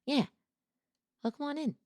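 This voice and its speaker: A woman's voice: high voice, measured pace, darkish tone, no room sound, studio quality. A woman from New York hosting a casual livestream as a VTuber, chatting in the manner of a diner waitress with effusive, sing-song greetings. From New York, United States. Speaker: VTuber streamer and host.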